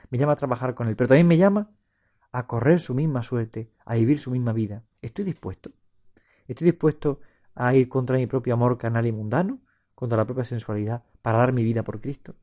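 A man from preaching a spiritual talk, in slow, repeating phrases that rise suddenly in emphasis. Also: mellow. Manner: slow, repetitive, meditative phrasing with sudden rises in pitch and force. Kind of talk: spiritual talk on Ignatian meditation.

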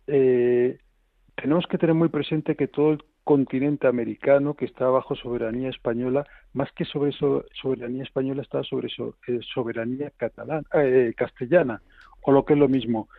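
Brief: lecturing male academic guest, gravelly voice, heard through a thin phone-like line. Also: medium pitch, steady tone, no room sound. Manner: measured, lecturing, with many fillers and restarts. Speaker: history of law professor, radio guest. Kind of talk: explanatory radio interview answers.

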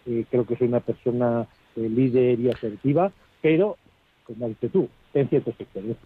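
A male radio caller heard faintly over a tinny phone line because he holds the handset too far from his mouth. His voice is husky and a bit breathy, with a middling pitch. He talks hesitantly, with fillers and restarts. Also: normal speed. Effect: phone held too far from the mouth, faint and distant. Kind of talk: call-in chat.

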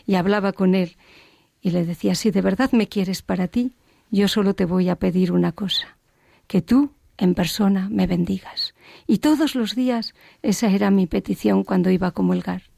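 A woman giving an earnest personal faith testimony, reflective and sometimes dropping to a hush. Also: mid-range voice, moderate pace, creaky, dry recording, clean studio sound. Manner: earnest, reflective, drops to a hushed whisper at times.

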